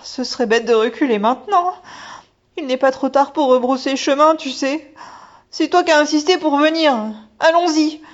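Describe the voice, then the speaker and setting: A scared little Japanese girl cries out high and loud, her voice shaking, as a woman reading the storybook puts her on. Dull, lo-fi recording. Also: moderate pace, natural voice. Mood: frightened. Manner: shrill, trembling and breathless. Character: frightened young Japanese girl.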